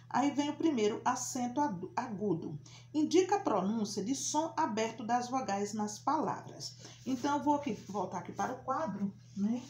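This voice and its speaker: Brazilian female primary teacher, deliberate repeated examples, roomy echo on the recording. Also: a little high, a little mellow, slight background noise. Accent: Brazilian Portuguese. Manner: slow, emphatic repetition of example words. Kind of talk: recorded remote class lesson. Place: room at a whiteboard.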